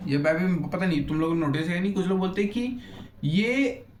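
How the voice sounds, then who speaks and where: A man's voice: high-pitched, very fast, darkish tone. A young man and YouTuber ranting in an unscripted roast, blunt and crude, swearing freely and losing his thread as he rambles. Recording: echoey room.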